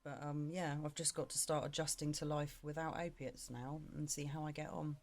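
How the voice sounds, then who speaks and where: A woman in her thirties recording a frank personal video diary, tired and drained, talking in a halting way with many pauses. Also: deep voice, little pitch movement, darkish tone. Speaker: vlogger.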